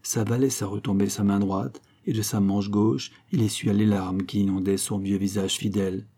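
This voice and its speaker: A man reading a classic novel aloud as an audiobook narrator, in a measured, even way. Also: fairly low pitch, breathy edge. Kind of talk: scripted narration.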